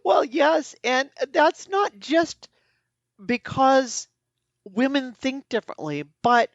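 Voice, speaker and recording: Earnest woman with a lilting, drawn-out delivery. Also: high voice, lively intonation, no echo, lo-fi sound. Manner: reflective, earnest, elongates vowels with a sing-song lilt. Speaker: podcast co-host. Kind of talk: casual conversation.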